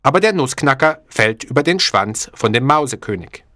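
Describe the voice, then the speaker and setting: A man narrating a storybook slowly and clearly, in a deliberate, expressive way for language learners. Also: mid-range voice, dry recording, studio quality.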